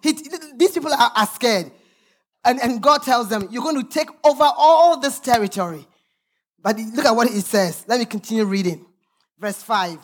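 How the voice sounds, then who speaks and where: A woman's voice: fairly high pitch, moderate pace. A woman pastor preaching a sermon, reading scripture aloud with emphatic, sometimes sung, calls to the congregation.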